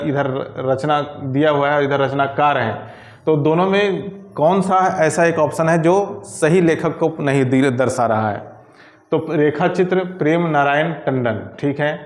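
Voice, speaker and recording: A man with a fairly high voice teaches Hindi grammar, working through each exam question step by step. He says every correct option aloud in a methodical way. The recording carries a noticeable room echo. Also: unhurried.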